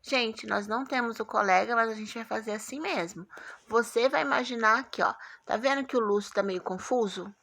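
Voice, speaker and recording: A Brazilian teacher talks her young pupils through an exercise in a bright, slightly high voice with a gravelly edge. She is patient and coaxing, checking in often that they are following. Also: brisk. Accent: Brazilian Portuguese. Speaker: primary school teacher. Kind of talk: recorded remote lesson.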